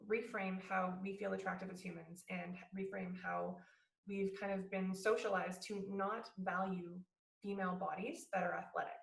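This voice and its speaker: A woman in her thirties talks in an easygoing, searching way and often pauses on fillers. Her voice has a heavy gravelly fry. She sounds distant from the mic in a roomy, echoing space. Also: medium pitch. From Canada. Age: 30s. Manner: relaxed and searching, with frequent fillers. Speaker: guest speaker, athlete. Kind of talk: conversational talk. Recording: echoey room, distant mic.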